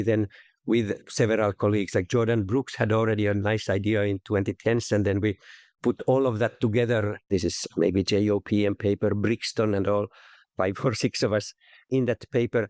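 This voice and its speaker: A man, answering interview questions in a thoughtful, measured, explanatory way. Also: lowish voice, no echo, clean studio sound. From Finland. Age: 60s. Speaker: guest, investment researcher.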